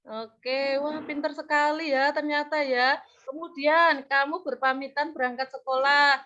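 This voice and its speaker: A woman's voice: high voice, fairly even intonation, a little slow, pushed and bright. A woman teaching a practice classroom lesson, coaxing and praising, often trailing off mid-word so the class can finish it. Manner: leaves words half-said for the class to finish. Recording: muffled lo-fi recording.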